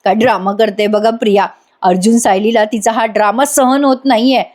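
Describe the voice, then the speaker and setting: A woman's voice: a little high, fairly even intonation, normal speed, a little mellow. Chatty Marathi woman recapping a serial. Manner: retells scenes, acting out characters' lines; chatty asides to viewers. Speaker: TV serial reviewer. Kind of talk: voice-over episode recap.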